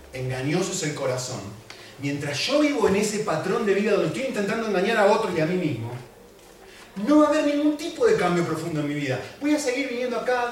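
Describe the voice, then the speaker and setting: Male pastor, Rioplatense accent, slightly high voice, animated sermon delivery, distant mic in an echoey church. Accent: Rioplatense Spanish. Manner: animated preaching, shifting between loud emphasis and soft asides. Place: church hall. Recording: echoey hall from far off, faint noise.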